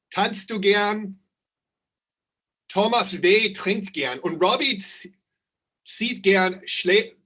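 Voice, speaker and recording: A man teaching a live online German class, slowly repeating questions and reading out his students' answers. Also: high voice, a bit bright, low-quality recording.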